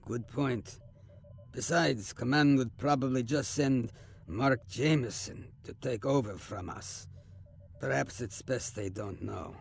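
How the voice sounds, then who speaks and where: Male starship captain, played by a man: wry, loyal, gravelly, sci-fi radio play. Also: medium pitch, slow pace, a little hiss or hum. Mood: frank. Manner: wry, teasing. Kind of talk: science fiction audio drama acting.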